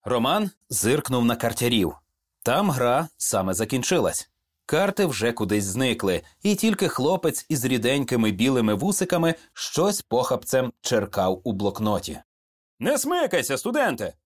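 A man's voice: medium pitch, moderate pace. A man narrating a story in audiobook style, telling it expressively. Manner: expressive storytelling, acts out characters.

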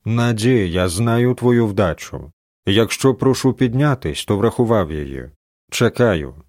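A man voicing a stately older male senator in a toga, grave, measured and commanding. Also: lowish voice, lively intonation, darkish tone, no echo, clean studio sound.

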